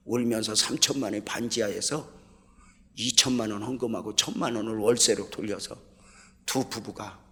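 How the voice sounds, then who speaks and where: A middle-aged man giving a revival sermon as a guest pastor, swinging between hushed storytelling and shouting. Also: fairly low pitch, moderate pace. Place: church sanctuary. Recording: long reverb of a large church hall.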